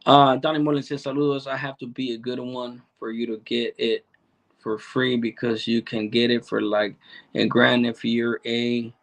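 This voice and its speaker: A middle-aged man with a mid-range voice, little pitch movement, and normal speed hosts a livestream, replying to chat. Of Salvadoran background and raised in Chicano neighborhoods, he chats casually in streetwise slang, swears heavily, and repeats himself a lot.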